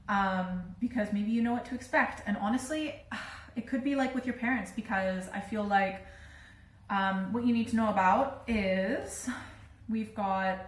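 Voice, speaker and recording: A woman's voice: mid-range voice, reverberant, slight background noise. A woman with a British accent giving a casual tarot reading, talking in a chatty way with many fillers. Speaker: tarot reader.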